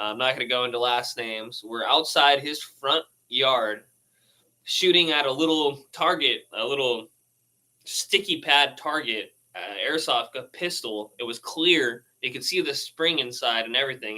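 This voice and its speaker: A man's voice: mid-range voice, unhurried, bright, forceful tone, low-quality recording. A casual man reading out news posts and riffing on them, with laughing asides and swearing. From United States. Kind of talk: casual rambling commentary.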